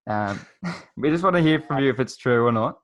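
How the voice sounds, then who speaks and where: A man's voice: medium pitch, animated, moderate pace. A man in his late teens with an Australian accent, hosting a podcast in an informal, matey chat style. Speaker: podcast host. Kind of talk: casual interview chat.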